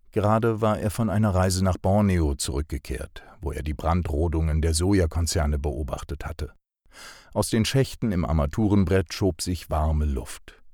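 Deep male narrator, measured audiobook reading, dry close recording. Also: a little mellow, no room sound.

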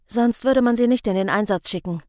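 A woman voicing a calm grown man who talks plainly and reasons steadily in an audiobook reading. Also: medium pitch, a little fast, dry recording, studio quality, lightly acted. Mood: calm persuasive. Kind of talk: audiobook character voice.

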